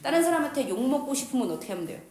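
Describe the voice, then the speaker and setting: Rapid-fire and sing-song, a woman with a high, slightly mellow voice teaches chemistry in a lively classroom lecture with echoey acoustics. She keeps it playful with slang and crude jokes, questioning the class and supplying the answers herself.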